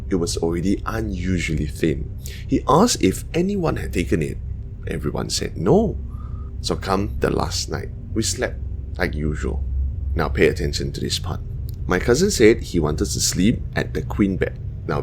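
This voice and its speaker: Low gravelly man narrating a haunting story. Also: a little hiss or hum. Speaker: storyteller, narrator of scary stories. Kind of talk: scary bedtime story narration in the first person.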